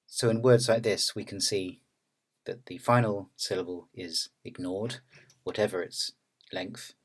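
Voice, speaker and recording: A man narrating an academic lecture in a measured, explanatory way. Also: sits low.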